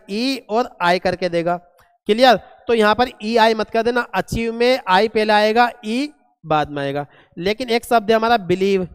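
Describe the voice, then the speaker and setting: A man teaching a classroom vocabulary lesson, asking questions and answering them himself, spelling words letter by letter and reading English examples very slowly. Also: sits high, clean tone, big-room sound. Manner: asks and answers his own questions, calls students "beta".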